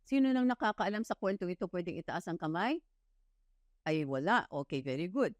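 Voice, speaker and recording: A woman preacher with a Filipino accent giving a sermon, telling stories with lively delivery and asking her listeners questions. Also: lowish voice, fairly quick, no echo. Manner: lively storytelling, mixing English into Filipino, quizzing the audience.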